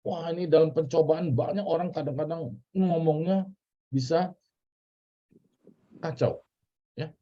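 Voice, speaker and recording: A man's voice: a little high, unhurried, long pauses. Chatty man teaching a church class. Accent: Indonesian. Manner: chatty, repeats key words, drills phrases. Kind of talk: casual teaching, asking the class questions. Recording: dull lo-fi recording.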